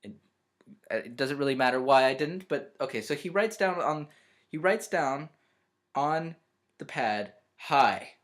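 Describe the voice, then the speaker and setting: A young man, a college student vlogging from his bedroom, telling a story in a rambling, self-interrupting, animated way. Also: on the high side, measured pace, long pauses. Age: young adult. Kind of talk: storytelling vlog.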